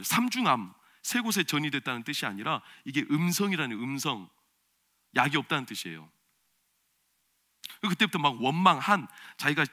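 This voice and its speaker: A man preaching a sermon as pastor, swinging between loud, emphatic preaching and quiet, confiding storytelling. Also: on the high side. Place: church sanctuary.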